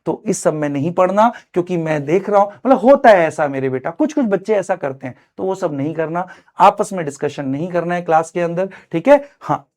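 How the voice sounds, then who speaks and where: A middle-aged man teaching an online chemistry class, fatherly and animated, swinging from loud urging to quiet earnest advice and mixing English phrases into his speech. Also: sits high, fairly quick. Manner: mixes English phrases into his speech, calls students son. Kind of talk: live online lecture pep talk.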